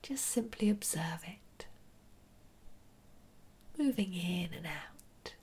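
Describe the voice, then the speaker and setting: Female meditation guide, intimate hushed delivery close to the ear, slow and calming, gravelly fry in the voice. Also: fairly low pitch. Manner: slow, gentle, soothing.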